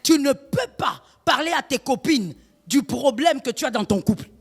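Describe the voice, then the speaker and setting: High, animated woman preaching. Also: moderate pace, husky, long reverb tail. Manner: emphatic, preaching with rhetorical questions and bursts of shouting; mixes in Lingala phrases. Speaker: pastor. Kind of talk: sermon.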